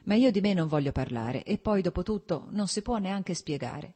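A genial, worldly nobleman, voiced by a woman reading aloud, talking in a jovial, knowing, teasing way. The voice stays low and dark, with a slight husk. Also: animated, normal speed, husky.

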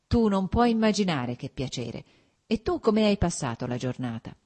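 A woman voicing a cheerful, energetic young man, a landowner in an audiobook, speaking with eager exuberance. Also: on the low side, normal speed. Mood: elated.

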